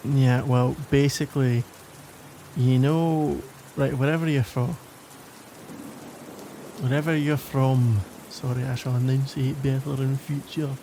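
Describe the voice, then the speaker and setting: A man with a Glaswegian Scottish accent plays a flirty, grumbly stranger in a conversational ASMR roleplay, sounding wry, teasing, and self-deprecating. His mid-range voice is mellow and fairly even in intonation, and he takes his time. The delivery is lightly acted, with a little hiss or hum in the recording.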